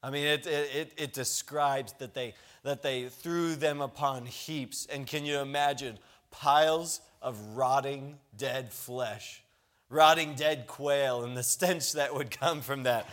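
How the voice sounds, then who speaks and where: A man's voice: mid-range voice, fairly even intonation, takes it slowly, a bit bright. A man preaching a sermon, retelling a story in a conversational, emphatic way.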